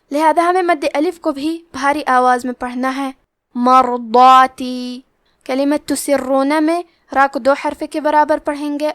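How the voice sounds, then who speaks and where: Female recitation teacher, high voice, dry close sound, patient and methodical, walking through rules word by word. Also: no echo. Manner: methodical, patient step-by-step instruction. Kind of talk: tajweed lesson, explaining rules word by word.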